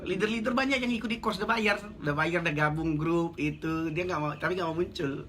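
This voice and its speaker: A network marketing coach talks bluntly and casually on a live stream, reading viewer comments aloud, joking, chatting and laughing often. His voice is fairly high and a little fast, with background noise.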